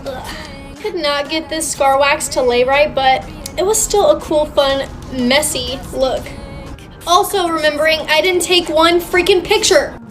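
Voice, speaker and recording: A young woman with a very high voice talks slowly through taking off her makeup, reacting with grossed-out comments. Faint music plays underneath. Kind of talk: makeup removal voice-over.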